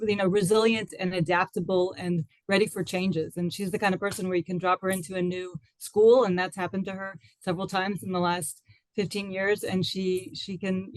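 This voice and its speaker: This is a woman in her forties from the United States, giving a relaxed, reflective interview. Her voice sits in a middle pitch and is recorded close and dry. She often pauses with fillers and restarts her phrases as she thinks. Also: no echo, low-quality recording. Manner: thoughtful, many restarts and fillers. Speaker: guest. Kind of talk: casual interview talk.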